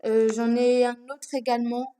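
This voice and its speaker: A woman's voice: fairly high pitch, flat delivery, moderate pace, mellow, a little hiss or hum. A young woman talking casually to camera about her books, with many fillers and self-corrections, recorded at home. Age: young adult. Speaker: book vlogger. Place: room at home.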